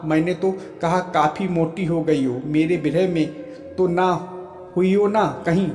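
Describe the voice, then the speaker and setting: A man's voice: a little high, unhurried, darkish tone, natural voice. A man voicing a young soldier husband who jokes and teases his wife fondly, in a storybook reading. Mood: teasing. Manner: joking, teasing, laughing. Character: young soldier husband, playful, teasing, devoted. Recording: roomy echo with faint music.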